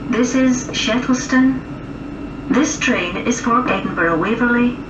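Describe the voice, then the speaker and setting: Recorded passenger announcements come over a train's PA as a woman with a fairly high pitch speaks slowly and formally, splitting her phrases carefully. Captured from afar aboard the moving train, the sound is muffled, noisy and echoey, buried under loud rail noise.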